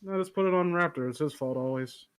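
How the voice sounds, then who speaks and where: A man's voice: a little high, fast, smooth. Playful man joking around. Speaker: podcast co-host. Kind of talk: casual chat.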